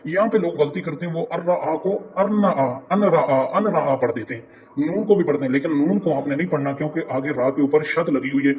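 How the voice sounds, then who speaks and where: A man teaching Quran reading step by step, spelling out letters and vowel marks slowly and repeating words patiently. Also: a little high, a little mellow. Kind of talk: step-by-step lesson.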